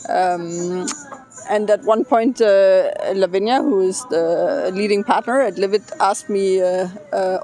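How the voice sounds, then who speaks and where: A middle-aged woman from Denmark, a business consultant, answering interview questions thoughtfully with many pauses and fillers, outdoors by the beach. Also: medium pitch, dark tone. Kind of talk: casual interview.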